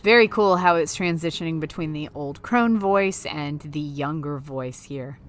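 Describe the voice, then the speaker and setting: A woman's voice: low-pitched, measured pace. A woman, a horror historian, giving an enthusiastic film commentary and cursing as she reacts to scenes.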